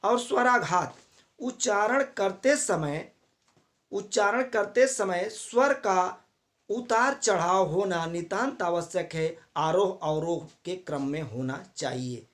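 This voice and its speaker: Teacher lecturing with many fillers. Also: male voice, high-pitched, slow, a bit bright. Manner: explains step by step with frequent fillers, repeats key terms. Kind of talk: classroom lecture for teacher trainees.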